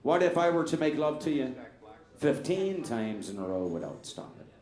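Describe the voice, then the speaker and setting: A man's voice: mid-range voice, sing-song, moderate pace, a little mellow, roomy sound, natural voice. A man doing a sly seventeen-year-old farm boy. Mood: scheming.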